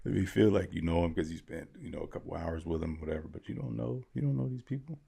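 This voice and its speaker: Male host, very low gravelly voice, loose unscripted commentary. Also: a little fast, mellow. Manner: thinks aloud, rambling with restarts. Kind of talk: casual commentary on reader posts.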